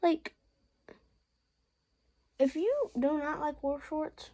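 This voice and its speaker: A woman hosting a reaction video, giving casual, excitable, slangy commentary and talking straight to her viewers. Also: sits high, slow pace, low-quality recording.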